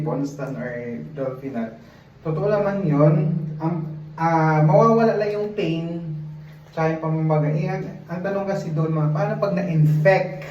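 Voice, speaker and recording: Guy vlogging while doing laundry, kinda high voice, rambly and chatty, sounds far off in an echoey room. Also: muffled recording, a little hiss or hum. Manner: chatty, rambling, laughs often.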